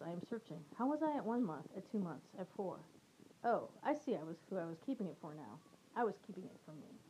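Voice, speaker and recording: A woman in her forties reads her own memoir aloud, the way a comic would. Her delivery is dry and deadpan, with the jokes tucked into plain statements. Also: fairly low pitch, a little hiss or hum. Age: 40s. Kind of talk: reading a personal essay aloud.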